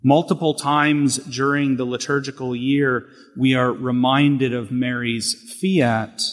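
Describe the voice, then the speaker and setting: Male clergyman for homily, unhurried and measured, voice ringing through a reverberant church like cathedral echo. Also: mid-range voice. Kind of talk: scripture reading and homily. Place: large echoing church.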